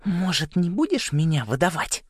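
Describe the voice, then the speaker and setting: A man voicing a tiny sharp-tongued girl who whispers mockingly in a boy's ear in a storybook. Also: a little high, big pitch swings, moderate pace, breathy edge, dry recording, studio quality, voice pushed up. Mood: snappish. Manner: mocking and irritated.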